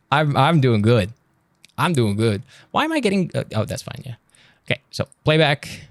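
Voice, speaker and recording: A man's voice: mid-range voice, sing-song, normal speed, no echo, clean studio sound. A male streamer chatting casually on a live stream, self-mocking and swearing freely.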